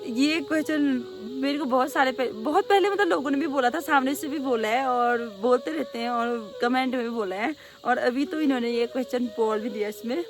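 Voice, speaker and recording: Young woman, quick loud chatter, fairly high voice, casual vlog Q&A. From Pahadi hill region of North India. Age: young adult. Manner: talks very fast and rather loudly. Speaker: vlogger. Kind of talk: casual Q&A chat.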